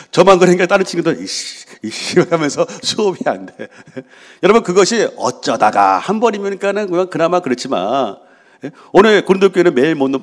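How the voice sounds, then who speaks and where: A middle-aged man, preaching a sermon to his congregation as pastor in a conversational way, asking questions and answering them himself. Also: on the high side. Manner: acts out voices of quarreling people. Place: church sanctuary.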